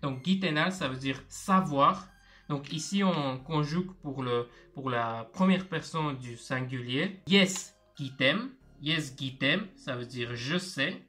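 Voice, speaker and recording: A man's voice: mid-range voice, unhurried, pushed and bright. A man teaching a video language lesson, explaining step by step and patiently repeating words for learners.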